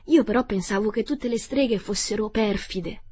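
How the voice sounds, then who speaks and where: A woman's voice: medium pitch, normal speed, darkish tone, husky, lightly acted. A woman voicing an innocent young girl who is bewildered and anxious, asking questions, in an audiobook reading.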